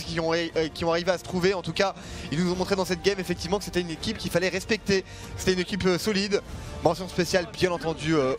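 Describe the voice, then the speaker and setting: A male esports caster commentates a live match in a fairly high voice. He is emphatic and likes to repeat his phrases. Music plays clearly behind him. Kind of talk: live esports commentary, excited play-by-play and analysis. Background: music under the voice.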